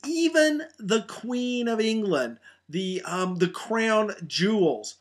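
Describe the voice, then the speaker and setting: A middle-aged man speaks in a slightly high voice, talking casually to camera. He is eager and loose, with many ums and restarts. His pitch sits a little above most men's. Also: lively intonation, slow. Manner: enthusiastic, many fillers and restarts. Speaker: meteorite hunter presenting gemstones. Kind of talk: casual product talk to camera.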